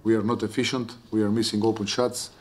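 A middle-aged man coaching a team speaks into a table mic at a post-game press conference. His voice sits a little low and stays flat in pitch. He talks in a measured way, pausing to find words. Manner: measured, speaking English as a second language with pauses. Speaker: head coach.

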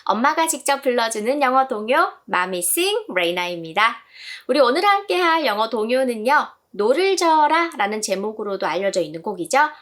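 High, lively woman teaching a song. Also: normal speed. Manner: clear, patient, demonstrating mouth shapes and sounds. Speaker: English song teacher for parents. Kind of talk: friendly pronunciation lesson.

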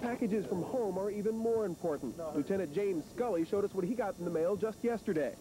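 Animated and fairly quick, a man in his thirties reports live on location for TV news, handheld mic in hand, outside at an army base. The audio is from an old TV broadcast and has a faint hiss and rumble.

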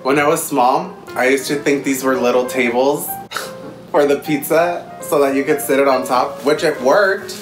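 A young man talks casually through a meal, chewing as he speaks. His voice sits at an average male pitch in an echoey living room. Music plays behind him. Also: normal speed. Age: young adult. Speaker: vlogger, mukbang host. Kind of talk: casual chat over a meal. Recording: roomy echo, music behind.

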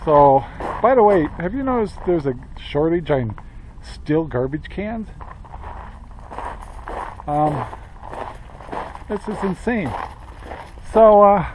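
An older man chatting to his handheld camera at arm's length on his Central Oregon homestead and in a garage speaks slowly and pauses often. His fairly high voice has lively intonation, he rambles with fillers and chuckles, and the background is noisy.

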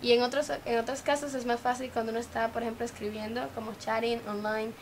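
A woman in a documentary interview, speaking in a quick, thoughtful way. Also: on the high side, little pitch movement, slight background noise.

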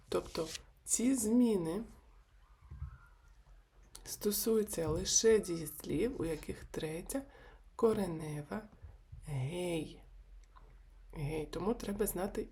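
A woman presents a video grammar lesson in a low, gravelly voice. She goes very slowly and deliberately and spells out each verb form in turn. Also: mellow. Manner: slow, deliberate, repeats verb forms one by one. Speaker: Hebrew language teacher.

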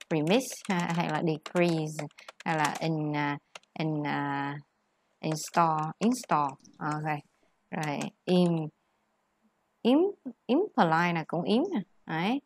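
A woman's voice: sits low, slow pace, slight background noise. A woman teaching English, patiently explaining word stress and mixing English words into her explanations. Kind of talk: tutoring lesson on word stress.

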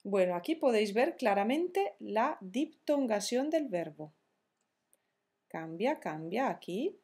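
A woman teaching verb conjugations in a slow, careful tutorial, spelling out each form deliberately. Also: medium pitch, sing-song, darkish tone, husky. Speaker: Spanish teacher.

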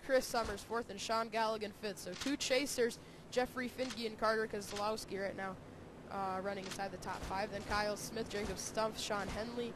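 A man doing play-by-play race commentary with a voice going hoarse, getting excitable and loud when cars crash. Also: high-pitched, moderate pace. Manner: excitable, voice rises sharply during wrecks. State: losing his voice. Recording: noisy game sound behind. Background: racing game engine noise.

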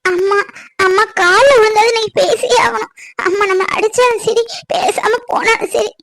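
A woman's voice: extremely high pitch, steady tone, normal speed, vocal fry, a bit bright, exaggerated voice. A woman voicing a tearful young married daughter in a cartoon, pleading and sobbing as she begs her mother's forgiveness. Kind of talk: cartoon voice acting.

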